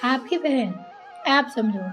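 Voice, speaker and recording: A woman's voice: high voice, animated, slow, a bit bright, soft background music, exaggerated voice. A woman voicing a curt, defiant young daughter-in-law.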